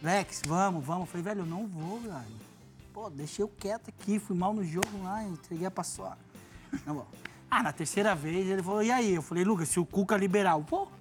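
A middle-aged man, a former footballer, telling stories in casual chat, animated and laughing often. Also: high-pitched, brisk, faint music behind.

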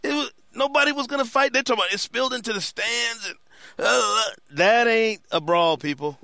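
A man co-hosting a sports podcast, telling stories in an animated, slangy way. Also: very high voice, brisk, gravelly, dry recording. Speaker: sportswriter and co-host. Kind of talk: casual sports chat.

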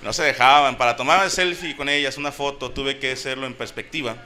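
A man's voice: medium pitch, steady tone, brisk, crowd noise. A man in his thirties with a Mexican accent performing a crude, slangy stand-up comedy monologue, acting out voices as he tells stories. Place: comedy venue with an audience. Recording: noisy live stage recording. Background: audience laughter.

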